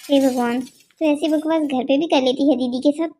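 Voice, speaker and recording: A woman's voice: high voice, fairly even intonation, normal speed, dark tone, slight background noise, natural voice. A woman voicing a sensible young female friend who gives frank advice in a cartoon. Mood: advising. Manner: frank, advising.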